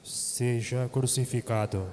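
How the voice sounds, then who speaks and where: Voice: mid-range voice, slow pace, soft background music, lightly acted. Voices reading the part of the crowd in a liturgical Passion reading, calling out demands. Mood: demanding. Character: shouting crowd demanding crucifixion. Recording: echoey church hall.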